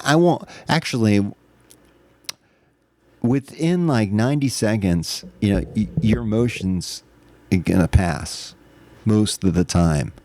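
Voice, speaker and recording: A man with a fairly low, mellow voice hosts his own podcast alone. He talks in a candid, earnest, self-reflective way, like casual storytelling. The sound is dry and close. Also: dry recording. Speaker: podcast host. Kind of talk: casual solo podcast monologue.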